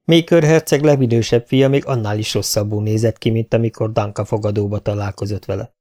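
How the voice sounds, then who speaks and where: A man reading a fantasy audiobook as narrator, in an even storytelling manner. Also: lowish voice.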